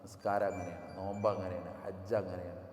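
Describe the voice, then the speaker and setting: A man giving a Ramadan sermon. He drops into quiet low asides, then rises into slow melodic chanting. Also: little pitch movement. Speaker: preacher. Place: large mosque hall. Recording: echoey hall with long reverb.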